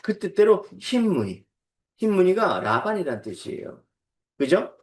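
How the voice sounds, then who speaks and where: A man's voice: sits high, very animated, unhurried, a little mellow, far from the mic. A man preaching a sermon as pastor in a church, often asking the congregation questions to win their agreement. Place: church sanctuary. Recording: echoey church sanctuary, away from the mic.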